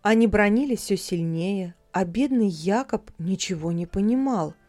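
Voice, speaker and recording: A woman narrating a fairy tale audiobook in a calm, expressive storytelling manner. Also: mid-range voice, unhurried, no room sound, faint music behind.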